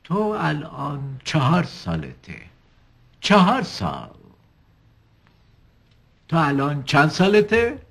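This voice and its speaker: A raspy, pushy psychiatrist. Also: male voice, fairly high pitch, wildly swooping pitch, long pauses, a bit bright, heavily acted. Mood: probing. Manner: insistent, coaxing questions. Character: pushy male psychiatrist pressing a patient.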